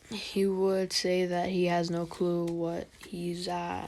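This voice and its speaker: A young woman narrates an improvised fan story in a low, very flat, monotone voice. She rambles and halts, filling gaps with ums and likes. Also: a little hiss or hum. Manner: rambling, halting, many fillers.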